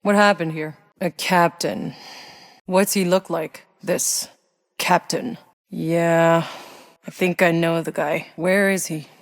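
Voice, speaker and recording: A battle-hardened woman soldier of fortune from a video game delivers voice lines in a slightly low, fairly even voice at a slow pace. She sounds dry, blunt, sardonic and unimpressed, with a foul-mouthed edge. The recording is clean, studio-dry, with no room sound.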